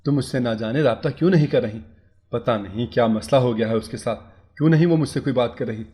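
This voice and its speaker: A man voicing a young husband who worries aloud and gently coaxes his wife in a storybook tale. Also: mid-range voice, fast, natural voice. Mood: worried. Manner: anxious musing, soft coaxing. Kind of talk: storybook character voice.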